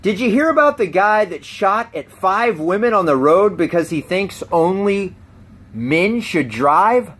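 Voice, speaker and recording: A man rants through silly news stories with biting sarcasm, laughing at his own punchlines. His voice sits high for a man and swings widely in pitch. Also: lively intonation, measured pace, fairly bright tone, slight background noise. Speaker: YouTube host. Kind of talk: comedic news rant.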